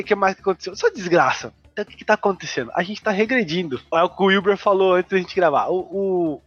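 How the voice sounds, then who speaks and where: Brazilian male podcast host, husky, dull lo-fi recording with faint music, loose joking delivery. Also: on the high side. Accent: Brazilian Portuguese. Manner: joking, rambling, restarts often. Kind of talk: casual chat.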